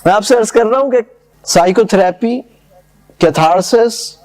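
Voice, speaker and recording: A man giving a lecture on classical poetry. He recites verses slowly and solemnly, then explains them in quick, conversational asides and checks whether his listeners follow. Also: high-pitched, darkish tone. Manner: asks listeners whether the point is clear.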